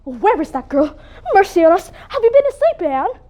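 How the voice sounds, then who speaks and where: A woman's voice: very high voice, sing-song, normal speed, darkish tone. A woman playing a stern, strict older spinster in a competitive interpretation piece, scolding and disapproving. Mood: alarmed.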